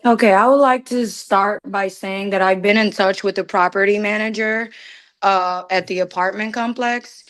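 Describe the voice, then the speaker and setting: A woman's voice: medium pitch, fairly even intonation, a bit bright. Earnest woman tenant explaining in court. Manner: earnest, detailed, quick to explain. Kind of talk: explaining her case in court.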